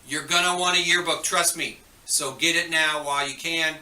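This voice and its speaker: Bright-voiced man over the school intercom. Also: a little high, fairly even intonation, moderate pace, roomy sound, far from the mic, low-quality recording. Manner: chatty, joking, then stern when scolding. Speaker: school administrator giving morning announcements. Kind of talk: school morning announcements.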